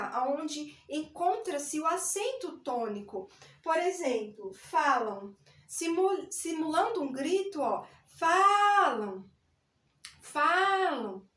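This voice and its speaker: A woman with a high voice teaches a recorded grammar lesson, explaining patiently step by step and spelling words out. The room is echoey and she sounds distant, a bit off-mic.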